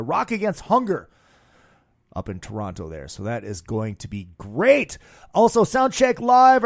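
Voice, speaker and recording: A hungover man with a fairly high voice hosts a rock podcast. He talks like a brash, slangy showman who swears freely and ad-libs his plugs. The studio sound is close and dry. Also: no echo. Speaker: podcast host. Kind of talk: loud rock podcast monologue, casual ad-libbed plugs.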